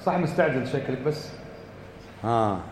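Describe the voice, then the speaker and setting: A man's voice: mid-range voice, lively intonation, normal speed, a little hiss or hum. A man teaching a class as a religious teacher, questioning students, repeating points and chanting quoted verses. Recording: echoey hall with faint ambience.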